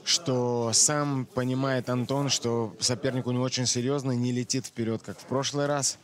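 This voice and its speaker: A man's voice: medium pitch, steady tone, moderate pace. A man co-commentating on a fight live, explaining the action analytically.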